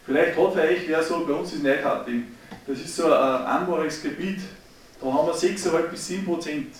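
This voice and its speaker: A middle-aged Austrian man lectures farmers in an emphatic, down-to-earth way, speaking directly to the crowd. His voice sits a little high. It comes from well away from the mic and rings around a big echoey hall. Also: brisk, distant mic. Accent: Austrian German. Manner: emphatic, folksy, addresses audience directly. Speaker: agricultural speaker.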